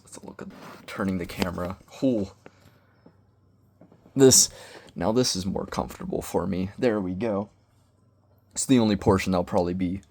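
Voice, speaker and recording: Filmed in a bookshelf-lined bedroom, this rambling vlog has a young man reviewing a toy with awkward, slangy, self-mocking humor. His voice is fairly low with a darkish tone, and there's a little hiss or hum.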